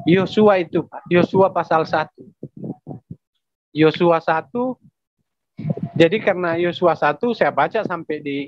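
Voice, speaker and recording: Emotional high-voiced Papuan man. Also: dry recording, highs cut off. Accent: Papuan Indonesian. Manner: halting, repeats phrases, adds "Pak" often. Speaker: testimony giver. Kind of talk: emotional personal testimony.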